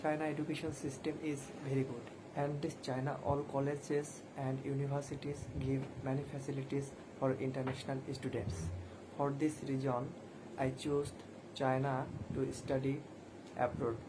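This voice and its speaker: A young man from Bangladesh with a Bangladeshi accent, reciting a halting self-introduction as a student applicant. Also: medium pitch, background noise. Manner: flat, recited, halting English.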